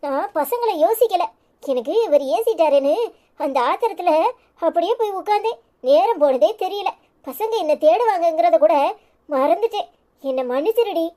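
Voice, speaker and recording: A woman playing a remorseful cartoon mother with a high, soft voice who pleads gently. She speaks with a Tirunelveli Tamil accent. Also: expressive, moderate pace. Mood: apologetic. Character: remorseful mother of two boys. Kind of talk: cartoon voice acting.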